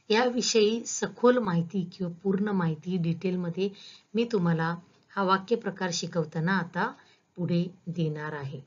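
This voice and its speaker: A woman's voice: mid-range voice, muffled recording. A woman school teacher giving a patient, step-by-step grammar lesson, asking her students questions as she goes.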